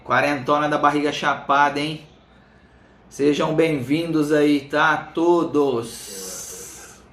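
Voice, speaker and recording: Brazilian male live-stream host, higher-pitched voice, informal greetings, slightly swollen-tongue speech, roomy echo. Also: takes it slowly, fairly bright tone. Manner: chatty, informal, addresses viewers by name. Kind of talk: casual live chat greeting viewers. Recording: roomy, echoing room sound.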